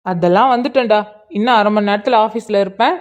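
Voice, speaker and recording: A woman's voice: medium pitch, quick pace, lo-fi sound, lightly acted. A woman voicing an easygoing young man who reassures his worried friend in a cartoon. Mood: breezy. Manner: breezy, reassuring. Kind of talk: cartoon voice acting.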